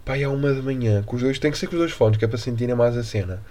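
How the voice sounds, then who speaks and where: A man's voice: mid-range voice, rapid-fire, warm tone, a little hiss or hum. A young man from Portugal with a European Portuguese accent, hosting a casual solo podcast in a rambling, slangy, joking way. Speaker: podcast host.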